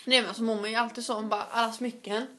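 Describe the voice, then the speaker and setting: A woman's voice: a little high, little pitch movement, pushed and bright. A young woman speaking Swedish with a Swedish accent, co-hosting a podcast and telling stories full of quoted dialogue. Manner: storytelling, quotes others with "jag bara" and "hon bara". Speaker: podcast co-host. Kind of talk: casual chat.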